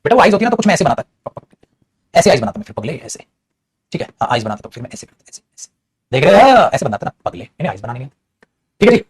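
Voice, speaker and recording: A man teaching English grammar in an animated, teasing classroom style, often calling his students "beta". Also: mid-range voice, quick pace, pauses often, slightly rough. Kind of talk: lively classroom lecture. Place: studio.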